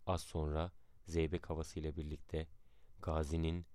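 Low, smooth male narrator for a dramatic historical reading, measured delivery, dry booth sound. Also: flat delivery, darkish tone, no echo.

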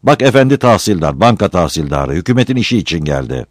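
A man's voice: deep voice, very animated, fast talker, dry recording, studio quality. A man voicing a pompous village headman giving orders to a young man. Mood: bossy. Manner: bossy, commanding. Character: pompous middle-aged male village headman.

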